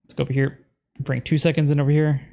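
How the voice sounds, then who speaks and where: A man's voice: a little high, level tone, fast talker, vocal fry, dark tone. A man streaming a game, talking casually to himself as he plays and edits his video. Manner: thinks aloud, muttering to himself. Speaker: gaming streamer. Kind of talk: casual commentary while playing and editing.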